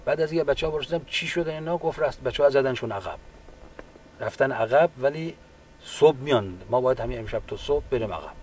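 A man's voice: on the high side, darkish tone, a little hiss or hum. Man recalling his wartime wounds, far from mic. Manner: halting, unhurried retelling with restarts. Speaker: wounded war veteran. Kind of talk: personal war testimony. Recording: distant mic with faint background ambience.

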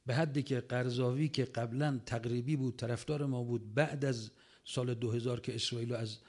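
A man's voice: medium pitch, steady tone, a little mellow. A man telling an audience about a long conversation, acting out the quoted lines as he retells them.

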